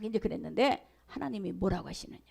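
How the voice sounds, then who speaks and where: A woman's voice: mid-range voice, lively intonation, quick pace, gravelly, darkish tone, husky. A woman pastor preaching a sermon, emphatic and conversational, sometimes dropping to a whisper. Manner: repetitive, conversational storytelling. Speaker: senior pastor. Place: church sanctuary.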